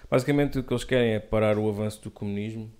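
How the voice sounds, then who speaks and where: A man's voice: fairly low pitch, fairly even intonation, rapid-fire, darkish tone. A man co-hosting a casual political chat, delivering wry, sarcastic asides. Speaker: podcast co-host.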